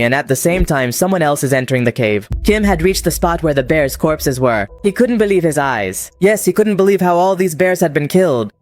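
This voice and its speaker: A man narrates an anime story recap with an excited, dramatic push. His voice sits a little high for a man. Soft music runs under the voice-over.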